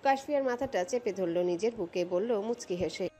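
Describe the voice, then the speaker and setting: A woman narrating a romantic audio story in a steady, expressive storytelling voice. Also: medium pitch, moderate pace, faint music behind.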